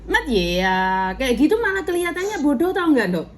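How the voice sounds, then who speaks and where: A woman, working as an agent for domestic workers. She lectures firmly and loudly while mediating over the phone. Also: sits high, big pitch swings, normal speed. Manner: firm, lecturing, loud.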